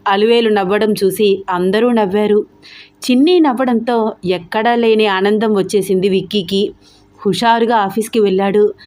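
A woman tells an audio story in scripted narration. Her reading is steady and even throughout. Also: mid-range voice.

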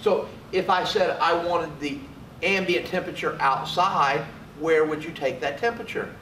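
An HVAC trainer, seated and gesturing broadly, teaches and quizzes students casually in a training room with an AC unit. His voice is on the high side, bright and forceful at normal speed; a camera mic across the room captures it distantly in an echoey space with slight background noise.

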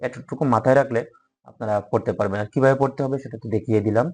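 A man teaching a Quran recitation lesson, patiently repeating each word slowly so that learners can follow along. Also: medium pitch, steady tone. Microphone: microphone.

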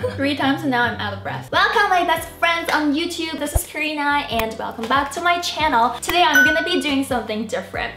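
A young woman chatting casually as a fashion vlogger in her bedroom, bubbly and quick to laugh. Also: fairly high pitch, echoey room. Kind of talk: casual vlog chat.

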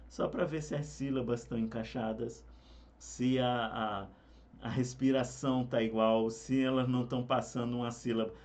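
A man, a singing teacher explaining harmony parts in a relaxed, conversational way. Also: medium pitch. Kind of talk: explaining vocal harmony with sung examples.

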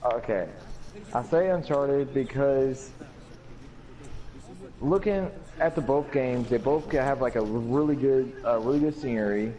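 A man's voice: mid-range voice, unhurried, dark tone. A young man co-hosting a casual gaming podcast, rambling with many fillers and restarts. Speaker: podcast co-host.

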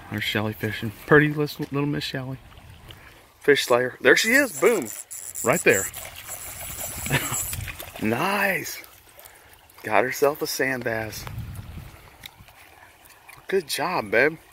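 This casual outdoor vlog features a middle-aged man from Texas who fishes and coaches in relaxed, medium-pitched chatter. He records on a handheld phone by a rocky creek, whose rushing water comes through loudly.

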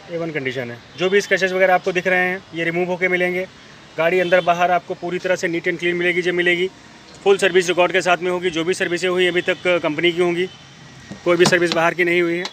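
Man, used car dealer, bright tone, flat delivery, faint outdoor noise. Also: sits high. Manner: brisk, repetitive sales patter. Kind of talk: walkaround sales pitch. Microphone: handheld phone camera.

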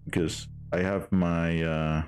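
A male streamer with a low, smooth, clear voice chats casually over a game. He talks slowly and hesitantly, full of fillers and restarts. Faint music plays behind him. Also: level tone, darkish tone.

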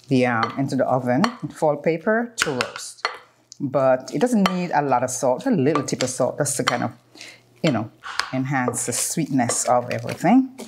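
A woman in her fifties talks through a home cooking demonstration in her kitchen. Her voice sits low, and she chats easily as she works, with plenty of ums and restarts. The camera sits close in front of her. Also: noisy background. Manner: chatty, explains as she works, frequent ums. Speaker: cooking channel host.

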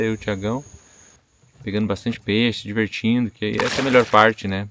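A Brazilian Portuguese-accented man narrating his day on the river in an easy, chatty way. His voice sits in an ordinary middle register. A steady wash of outdoor noise surrounds him, picked up by a camera mic on the boat. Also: mid-range voice. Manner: relaxed, chatty, upbeat. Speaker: fishing vlogger.

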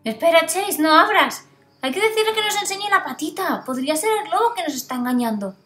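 A woman voicing excitable, anxious little boy puppies in a toy-play story for children. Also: very high-pitched, brisk. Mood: wary. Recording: roomy echo, music behind.

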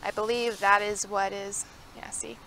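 A woman's voice: mid-range voice, flat delivery, moderate pace, pushed and bright, a little hiss or hum, poor audio. A woman vlogging her furniture flip, chatting casually through each step with some ums and asides. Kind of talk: casual how-to explanation. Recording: background music. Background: background music.

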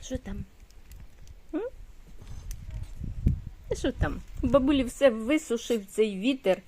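An older Ukrainian woman, a great-grandmother vlogger, films a home vlog outdoors in a windy yard, with loud wind and outdoor noise. Her voice is fairly high and expressive, and she speaks slowly, cooing sing-song baby talk to a toddler and a dog.

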